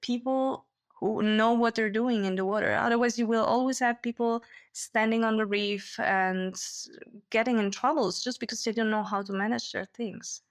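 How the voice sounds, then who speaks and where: Here a technical diver from Switzerland, a native Italian speaker, chats as a podcast guest in a relaxed interview. She has a slightly high voice with fairly even intonation and a moderate pace, and she keeps breaking into cheerful laughter between lines.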